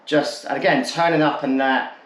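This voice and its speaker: A man in his late forties chats frankly to camera to introduce his vlog channel, drifting a little and restating his points. His slightly high voice is a bit bright, with fairly even intonation at normal speed, and the untreated room is echoey.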